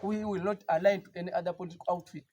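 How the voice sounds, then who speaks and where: A man's voice: sits high, fairly even intonation, racing, mellow. A man with a Ugandan English accent, a party politician giving an emphatic, defiant press statement with repeated rallying lines.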